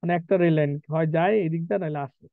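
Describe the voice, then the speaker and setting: A man's voice: fairly high pitch, steady tone, gravelly, dry recording. A man teaching an English vocabulary class, explaining words and quizzing his students. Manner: asks students questions, reads definitions slowly. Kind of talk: live class lecture mixing Bengali and English. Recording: tinny phone-like line.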